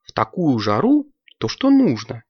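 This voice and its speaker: A curious, practical young girl wizard asks and comments, as a storyteller puts her on. Her voice is raised and lively. The recording is dull and dry. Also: mid-range voice, measured pace, slightly rough, no echo, pitched above the performer's own voice, full character voice.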